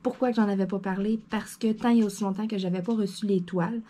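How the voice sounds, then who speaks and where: A woman's voice: mid-range voice, fairly even intonation, quick pace, dark tone, a little hiss or hum. A woman with a Québécois French accent chatting to camera from her home desk, playful and rambling, with lots of fillers and laughs. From Quebec. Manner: often laughs and talks to her cat. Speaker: crafting vlogger. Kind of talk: casual chat to camera.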